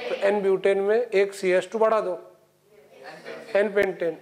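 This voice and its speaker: A man's voice: sits high, fairly even intonation, a little slow, a little mellow. A middle-aged man teaching chemistry in a coaching classroom, lecturing and quizzing students with constant checks. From India.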